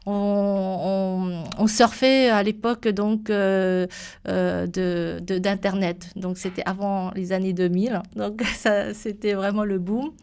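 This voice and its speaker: A woman entrepreneur giving a lively radio interview, often restarting her sentences. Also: mid-range voice, slow, clean tone. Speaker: entrepreneur guest.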